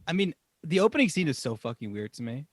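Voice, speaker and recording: A man's voice: a little high, sing-song, fast, breathy edge, dry recording. A young man co-hosting a casual podcast chat, laughing often and swearing freely. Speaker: podcast co-host.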